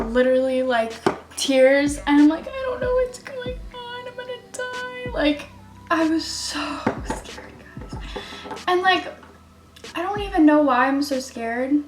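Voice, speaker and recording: A young woman telling a story while doing her makeup, rambling and giggly with lots of fillers. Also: sits high. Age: young adult. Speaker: beauty vlogger. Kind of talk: chatty get-ready-with-me storytelling. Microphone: camera mic. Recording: echoey room with faint music.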